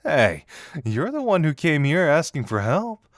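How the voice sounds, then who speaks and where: Man acting Dazai, a teasing, lively flirt. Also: a little high, no room sound, studio quality. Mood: playful, mock-sulky. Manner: teasing, theatrical, drawn-out words. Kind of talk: intimate roleplay audio acting.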